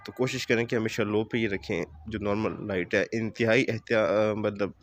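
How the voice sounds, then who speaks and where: A man with a sore throat talks through his car in a casual video, his voice sitting fairly low. He speaks in a measured, advising way, pausing on fillers. A faint background hiss runs under the recording. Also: fairly even intonation. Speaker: car vlogger.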